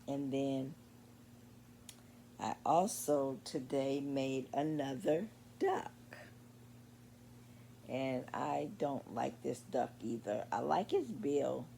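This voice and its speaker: A woman in her sixties showing her crochet work in a casual vlog at home late at night, sleepy and meandering, with many pauses and ums. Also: rumbling low, gravelly, dark tone, a little hiss or hum. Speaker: crochet vlogger. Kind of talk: casual show-and-tell vlog.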